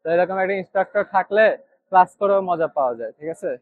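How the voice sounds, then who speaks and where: A man's voice: high-pitched, lively intonation, fast, dry recording. Chatty young man vlogging on the street. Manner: chatty, many fillers, talks to the viewer. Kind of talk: casual walking vlog. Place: city streets and shops, outdoors. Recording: dry and slightly dull.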